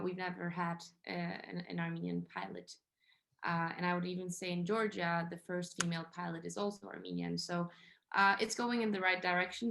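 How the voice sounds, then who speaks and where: A woman's voice: lowish voice, vocal fry, fairly bright tone. A woman who grew up in Denmark, speaking as a panelist, hesitant and full of fillers. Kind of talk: panel discussion remarks.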